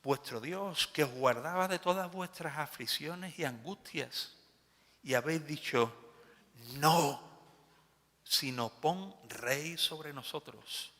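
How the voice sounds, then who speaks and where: A man's voice: a little high, takes it slowly, bright, forceful tone, long reverb tail, full character voice. A man voicing God as perplexed and grieved by his people, pleading and emphatic.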